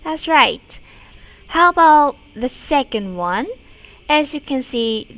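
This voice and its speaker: Lady teacher doing a kids english lesson, says each word twice for repeating, kinda high voice. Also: a bit bright. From Vietnam. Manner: models words twice and drills sounds for pupils to repeat.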